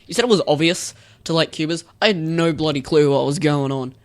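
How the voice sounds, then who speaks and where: A man's voice: a little high, fairly quick, no echo. A young man co-hosting a casual podcast, teasing and sardonic. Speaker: podcast co-host. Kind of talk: casual chat.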